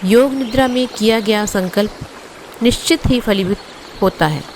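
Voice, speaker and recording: A female yoga nidra instructor guides a meditation, delivering measured instructions in short phrases separated by pauses. Her voice sits on the high side, with slight noise in the background.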